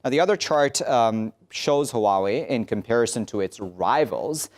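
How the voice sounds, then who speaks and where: A man's voice: mid-range voice, animated, moderate pace. A man hosting a news panel, introducing guests and putting questions to them, with frequent fillers and restarts. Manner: hesitant, many fillers and restarts. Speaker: news show host. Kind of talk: moderating a panel discussion.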